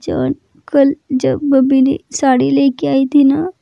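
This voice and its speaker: A woman voicing a young female college student who answers haltingly and evasively, in a told love story. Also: sits high, little pitch movement, vocal fry, dry recording, lo-fi sound, heavily acted. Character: tearful young female college student hiding her distress.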